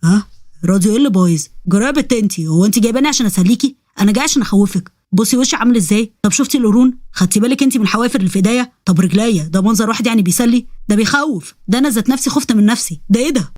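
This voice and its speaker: A woman's voice: fairly high pitch, very fast, a little mellow, no echo, close to an everyday voice. A woman voicing an exasperated young male demon with an Egyptian accent, in a spoken story. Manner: indignant, exasperated.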